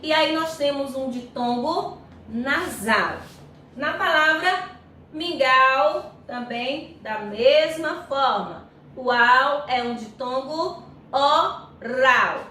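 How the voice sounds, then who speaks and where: A Brazilian woman teacher giving a grammar lesson, who sounds out syllables slowly and often checks in with her students. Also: high voice, expressive, sharp tone. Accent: Brazilian Portuguese. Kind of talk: recorded online grammar lesson. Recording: echoey room, voice far from mic, faint noise.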